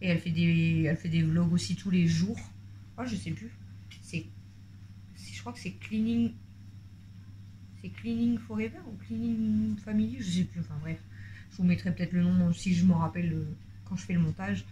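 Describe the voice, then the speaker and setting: A woman chatting on in a casual home vlog, rambling, talkative and excitable. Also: lowish voice, normal speed, pauses often, a little hiss or hum. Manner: rambling and talkative, jumps between topics; excitable, voice jumps up when worked up. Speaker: family vlogger.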